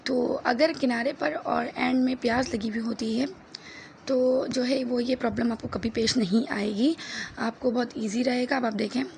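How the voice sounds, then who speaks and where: A woman's voice: a little high, gravelly, darkish tone, slight background noise. A woman hosting a cooking tutorial with a slightly sore throat, giving step-by-step instructions and checking in with "okay" often. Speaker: cooking channel host.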